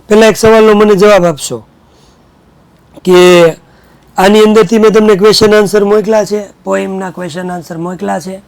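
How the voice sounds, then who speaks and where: A male teacher giving an animated online class, mixing in Hindi and English and getting students to call out answers. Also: high voice.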